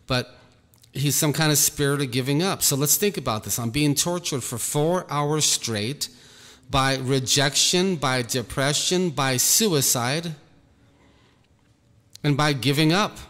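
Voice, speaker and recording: A man giving an earnest personal testimony about his ministry, talking slowly and repeating himself. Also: on the high side, fairly bright tone, in a large hall. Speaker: ministry leader.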